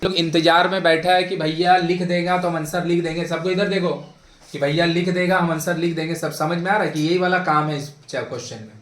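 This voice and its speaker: A young male maths teacher, briskly lecturing a class and repeating his points insistently. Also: on the high side, steady tone, fairly bright tone. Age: young adult. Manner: brisk and insistent, repeats himself, prods students. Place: classroom with a board. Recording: echoey classroom.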